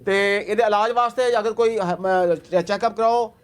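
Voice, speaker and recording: A man's voice: high-pitched, fairly even intonation, a little slow. A man from Pakistan on a charity visit who hands out aid and earnestly repeats his reassurances. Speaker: charity worker handing out aid. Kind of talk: on-site charity vlog talk.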